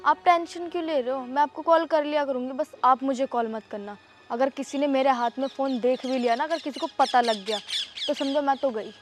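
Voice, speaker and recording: A woman's voice: high voice, a little fast, faint music behind, lightly acted. An actress playing an anxious young village woman hiding a romance, with a pleading manner. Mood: worried.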